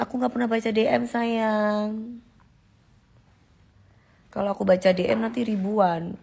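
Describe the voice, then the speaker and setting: A woman's voice: mid-range voice, creaky, dark tone. A woman hosting a live stream, chatting casually and emphatically as she reads out viewer comments.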